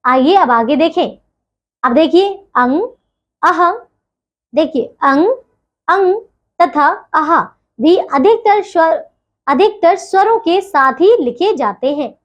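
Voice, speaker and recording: A woman teaching a grammar lesson to children, patient, spelling sounds out slowly and checking in with them often. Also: high voice, lively intonation.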